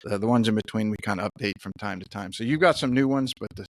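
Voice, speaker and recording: Fast-talking male podcast host. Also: lowish voice, dry recording. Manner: friendly, quick banter with stumbles. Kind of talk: casual interview chat.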